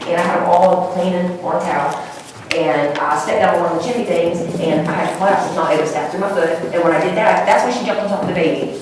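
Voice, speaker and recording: A woman gives rambling, emotional courtroom testimony in a quick rush of words, heavy with fillers. Her voice sits a little low. She is picked up by a distant mic in a very echoey, noisy courtroom.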